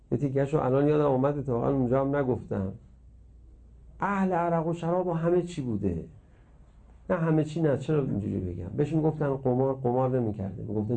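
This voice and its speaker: A middle-aged man preaching a religious sermon, emphatic and impassioned, mixing teaching with stories and swinging between loud and hushed. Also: medium pitch, gravelly.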